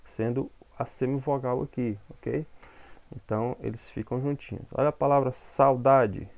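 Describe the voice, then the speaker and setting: A man's voice: medium pitch, fairly even intonation, moderate pace, a little mellow. A man teaching a grammar lesson, explaining step by step and checking in with the class.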